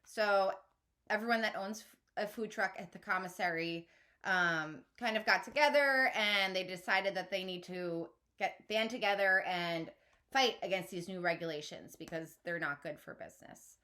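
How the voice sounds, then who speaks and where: A woman teacher reads a children's novel aloud with expressive storytelling. Her voice sits in the mid range and she keeps a normal pace.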